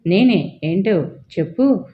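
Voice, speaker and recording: A woman voicing an older man back from the dead in an audio story, cool, unhurried and mildly mocking, on a dull lo-fi recording. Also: high-pitched, animated, pitched above the performer's own voice. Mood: calm teasing.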